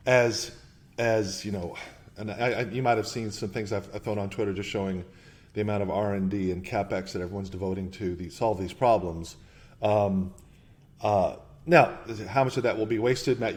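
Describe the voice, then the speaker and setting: A man being interviewed about investing, who talks in bursts with many restarts and thinks aloud. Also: on the low side. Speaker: investment manager guest. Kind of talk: podcast interview.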